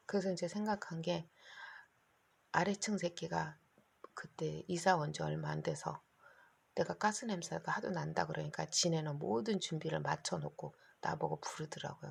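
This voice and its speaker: Vlogging into her phone, a middle-aged woman delivers an anxious, meandering monologue in long run-on bursts. Her lowish voice is husky and gravelly, hoarse enough that her throat keeps catching and she has to clear it.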